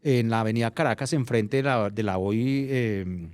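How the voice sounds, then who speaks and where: A man's voice: fairly low pitch, moderate pace, clear, resonant tone, no room sound. A middle-aged man, a journalist, telling anecdotes in a casual interview, often restarting his phrases. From Colombia. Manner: anecdotal, restarts phrases, animated when recounting. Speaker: journalist guest.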